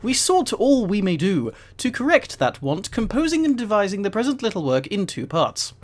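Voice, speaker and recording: This streamer reads aloud with amusement and emphasis, tossing in casual asides and often dissolving into giggles. The voice is medium-pitched with big pitch swings, at a moderate pace.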